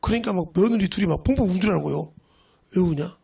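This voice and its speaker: A male pastor preaching from the pulpit in a church. His voice sits high for a man and is rough and gravelly, with a husky, worn edge. He tells stories by acting out both sides of each conversation, dropping low and quiet, then rising loud. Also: quick pace. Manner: acts out dialogue in storytelling, swinging between soft and loud. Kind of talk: sermon. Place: church sanctuary.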